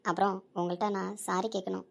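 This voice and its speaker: A woman voicing a quiet, guilt-ridden young wife who speaks in a low, sorrowful way. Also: little pitch movement, fast, creaky.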